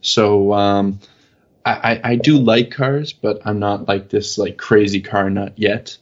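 A man's voice: fairly low pitch, steady tone, unhurried, dull audio. A Canadian man with a Canadian accent, a film critic guesting on a podcast, joking and hesitant with many ums. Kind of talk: casual chat.

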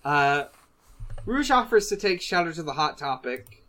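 Pitch swings widely in this fairly bright, mid-range voice. It belongs to a podcast co-host telling friends a story in a relaxed, halting manner, with long pauses between bits.

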